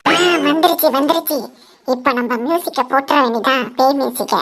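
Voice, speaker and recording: A woman's voice: sits high, fairly quick, slight background noise. Woman doing giggly scheming cartoon pranksters. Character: mischievous young pranksters scaring a woman.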